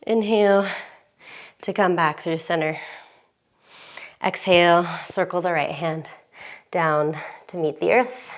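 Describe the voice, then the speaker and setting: A young woman leads a yoga flow, cueing each breath in a calm, unhurried way. She sighs now and then and sounds a little winded. Her voice sits low and moves at a slow pace. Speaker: yoga instructor. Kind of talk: guided yoga class cues.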